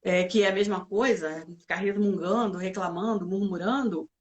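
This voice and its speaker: A woman psychologist explains emotional health step by step in a relaxed church conversation, using many tag questions and the filler "né." She acts out complaints, speaking at medium pitch and normal speed.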